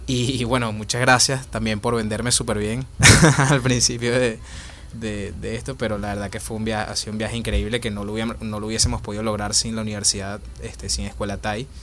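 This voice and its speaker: Low-voiced Venezuelan young man. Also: level tone, brisk, a bit bright, a little hiss or hum. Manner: thoughtful, many fillers and restarts. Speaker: filmmaker and actor. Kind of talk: interview answers.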